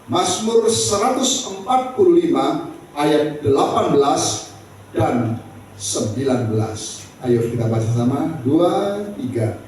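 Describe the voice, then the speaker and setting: A man's voice: on the high side, animated, slow, darkish tone, slight background noise. A man preaching a sermon as pastor, emphatic and calling out to the congregation. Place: church hall. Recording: echoey church hall, distant mic.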